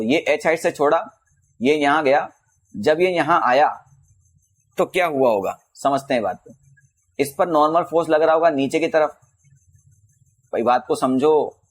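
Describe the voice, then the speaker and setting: Exam questions get solved by a male physics teacher in a casual Hindi lesson, his voice mid-range. He reads each English question slowly and calls the students bhaiya and beta.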